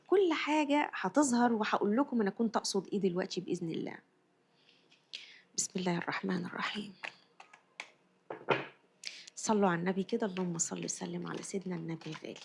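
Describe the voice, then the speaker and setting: A woman's voice: medium pitch, vocal fry, slight background noise. A woman with an Egyptian accent giving a spiritual tarot reading to her viewers in an intimate, coaxing way, repeating her phrases and sometimes dropping to a whisper. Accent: Egyptian Arabic. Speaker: tarot reader.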